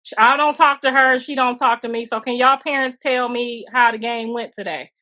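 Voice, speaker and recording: Middle-aged mom on a phone live outside, blunt and chatty, high-ish bright voice. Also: female voice. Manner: blunt, chatty, calls viewers girl and honey. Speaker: mother speaking on her own livestream. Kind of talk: casual livestream rant. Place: outdoors. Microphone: phone livestream.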